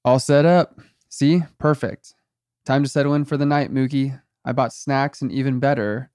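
A man's voice: medium pitch, steady tone, moderate pace, a little mellow, no echo, clean studio sound, close to an everyday voice. A man voicing a goofy, friendly teenage guard at a weed farm who talks with relentless cheer. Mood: eager. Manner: cheerful, chatty, endlessly nice.

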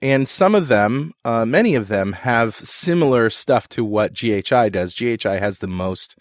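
A man's voice: mid-range voice, animated, normal speed, no echo. A man co-hosting a tech podcast from a recording studio, telling stories in a joking, loose way with many fillers. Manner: jokey storyteller, many fillers and restarts. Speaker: podcast co-host. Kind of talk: casual chat.

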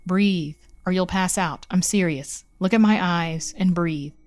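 A young woman in a horror story speaks low and steady, forcing calm through her fear, as a woman narrator plays her. Her voice is smooth and clear, and the room sound is dry and close. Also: measured pace, no room sound, close to an everyday voice. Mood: tense, firm. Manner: low, steady, urgent calming. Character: young woman, shaken but firm aunt.

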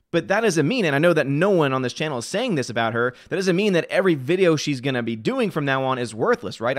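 A man's voice: on the high side, no room sound, studio quality. A man hosting a live stream, chatting casually and answering viewers' chat comments. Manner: talks fast, reads and answers chat comments.

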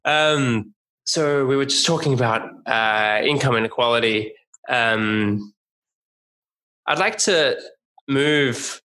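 A man hosting an interview, asking questions in a halting way while searching for words. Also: mid-range voice, pushed and bright. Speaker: podcast host. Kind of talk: casual interview.

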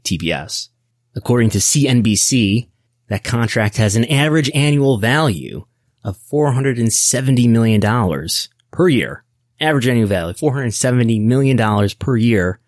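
The recording is dry with clean studio sound, and the American host's voice is fairly low. On his podcast he delivers casual, explanatory business commentary in a wry, nerdy manner, regularly thinking out loud.

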